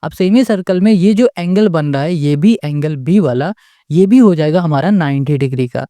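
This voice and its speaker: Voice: mid-range voice, animated, normal speed, dark tone, no room sound. A maths tutor giving a step-by-step lesson. The tutor keeps asking the class rhetorical questions and checks in with "okay?" after each step, patiently restating points.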